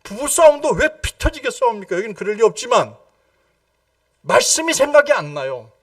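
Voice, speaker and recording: A male pastor delivers an evening prayer sermon in a high, sweeping voice that leaps between loud exclamations and hushed, low lines. He keeps quizzing the congregation with repeated questions. He is picked up from a distance, with a dry sound. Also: big pitch swings, fairly quick, no echo. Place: church sanctuary.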